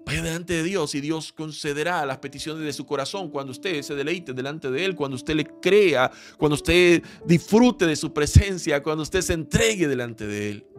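A male pastor preaching with passion, moving between loud cries and hushed pleas, then leading a prayer. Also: a little high, lively intonation, moderate pace, hardly any pauses, soft background music. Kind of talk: sermon with closing prayer.

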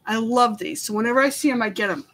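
A woman's voice: a little high, fast, a bit bright, low-quality recording. A woman hosting a live craft tutorial, chatty and giggly, laughing often as she explains each step. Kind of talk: live craft demonstration chat.

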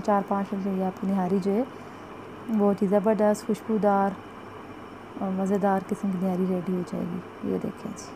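A woman's voice: mid-range voice, noisy background. A woman talks through a recipe step by step as a cooking vlogger. She keeps saying "jo hai" and points to the pot while she cooks in her home kitchen. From Pakistan. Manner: chatty, repeats "jo hai" and "ye dekhein" while showing the pot.

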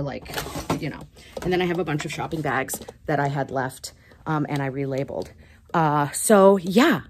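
A woman in her thirties talks on a lapel mic in a small indoor shop room. She is bubbly and chatty in a casual vlog and laughs often. Her voice sits on the low side. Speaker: yarn shop owner and vlogger. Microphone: clip-on lapel mic.

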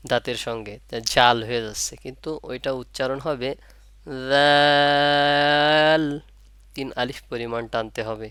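With a medium-pitched, steady, fairly bright and clean voice, a man whose first language is Bengali teaches Arabic letters for Quran reading online. He demonstrates letter sounds in a drawn-out way, repeats points, and asks his students questions, recorded dry.

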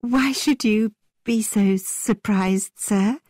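A woman's voice: mid-range voice, slow pace, darkish tone, no room sound, studio quality, voice pushed up. A woman voicing a shy young lady who answers politely while trying not to laugh. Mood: amused.

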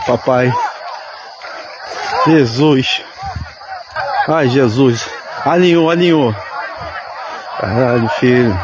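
A man giving excited, swearing live commentary at an outdoor balloon launch, calling out and mock-praying as he films. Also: medium pitch. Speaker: balloon enthusiast filming a launch. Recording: outdoor phone recording with loud crowd noise.

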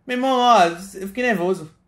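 A young man with a Brazilian Portuguese accent in casual gaming chat with friends, joking and bossing the crew around in quick banter. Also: very high-pitched. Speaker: streamer playing with friends.

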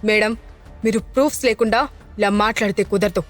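A woman's voice: mid-range voice, steady tone, fairly quick, faint music behind, lightly acted. Woman playing a haughty schoolteacher. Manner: flustered then haughty. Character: defensive, arrogant female schoolteacher.

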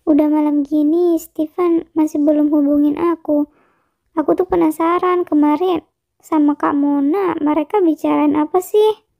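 A woman voicing an emotional, lovestruck young woman who is chatty, sulky and quick to fret, in a fan-dubbed game drama. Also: sits high, steady tone, vocal fry, warm tone. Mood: fretting.

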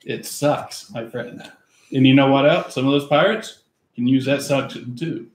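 A man playing a party game with friends, giving a loud, pushy, over-the-top sales pitch. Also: steady tone, normal speed. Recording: roomy echo.

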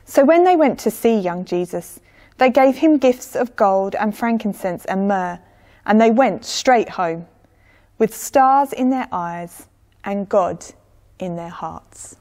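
A woman telling a Bible story for children, slow and expressive. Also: medium pitch. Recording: echoey church hall.

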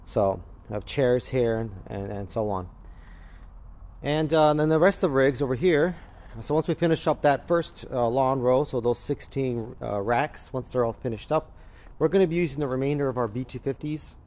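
A crypto mining farm operator with a darkish, medium-pitched voice talks at normal speed while filming on his handheld camera or phone. His casual, unscripted walkthrough of the large concrete-floored warehouse is matter-of-fact and explanatory.

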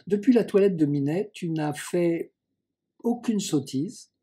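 A man reading as a gentle young girl. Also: high voice, animated, unhurried, husky, exaggerated voice. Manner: soft, gently scolding.

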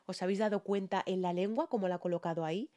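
A woman with a Peninsular Spanish accent, a singer giving excited music reaction commentary to her viewers, often repeating words for emphasis. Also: mid-range voice, racing. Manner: talks to viewers with frequent tag questions.

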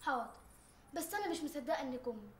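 A woman's voice: sits high, animated, very fast, reverberant. An actress playing a naive, chatty young woman, speaking with an Egyptian accent and asking questions one after another. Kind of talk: TV drama acting.

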